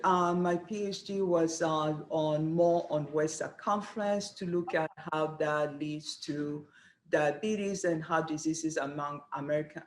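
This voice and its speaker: A middle-aged woman from Rwanda, a dietetics program director, answers interview questions about her career as a guest. She speaks earnestly and with measured pacing, often pausing with small fillers, in a fairly low voice. The room gives her voice a noticeable echo.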